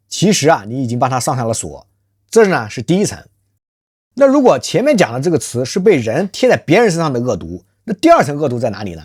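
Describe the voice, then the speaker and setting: Husky, lively commentary host. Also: mid-range voice, no echo, clean studio sound. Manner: rhetorical, emphatic, poses questions to listeners; calls self by nickname in third person. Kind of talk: scripted social commentary monologue.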